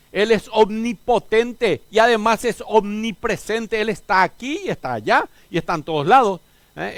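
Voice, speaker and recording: Paraguayan pastor preaching, high-pitched man. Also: dry recording. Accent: Paraguayan Spanish. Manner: preaching with sudden emphatic rises and soft drops. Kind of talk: sermon.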